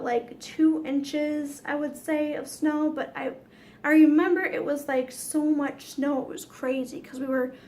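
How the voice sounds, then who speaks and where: High-pitched woman vlogger, casual storyteller, dramatic and foul-mouthed. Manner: chatty, dramatic, swears freely.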